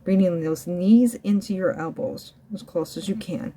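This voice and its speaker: A woman's voice: lowish voice, normal speed, warm tone. A woman working as a fitness instructor, coaching a home ab workout while demonstrating the floor exercises herself. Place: indoors at home.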